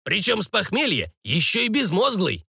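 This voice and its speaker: A man putting on a gruff, cynical old wizard. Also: high-pitched, huge pitch swings, normal speed, sharp tone, no echo, studio quality, voice pushed up, full character voice. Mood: gruff, grumbling. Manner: gruff, indifferent mutter. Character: grumpy old male wizard servant, dry and cynical.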